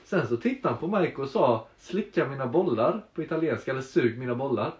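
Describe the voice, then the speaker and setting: A man's voice: mid-range voice, expressive. A young man co-hosting a casual podcast, telling stories with laughter and plenty of swearing. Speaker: podcast co-host. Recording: roomy, dull lo-fi sound.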